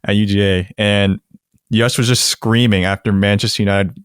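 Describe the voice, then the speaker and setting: A man's voice: on the low side, normal speed, smooth, dry recording, studio quality. A young man co-hosting a podcast, telling stories in casual chat and laughing often. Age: young adult. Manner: laughs often, animated storytelling. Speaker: podcast co-host.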